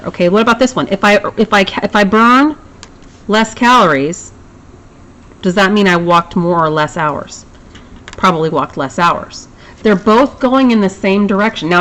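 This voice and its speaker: A woman's voice: mid-range voice, a bit bright, rough recording. Chatty math teacher woman. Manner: chatty, self-deprecating asides. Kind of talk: recorded classroom lesson.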